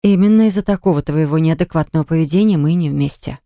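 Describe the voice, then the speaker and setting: A woman's voice: quick pace, dry recording, studio quality. A reader voicing a stubborn, indignant young woman who is a mother, speaking sharply and defiantly in an audiobook. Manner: sharp, defiant, shrill when upset. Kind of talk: audiobook acting.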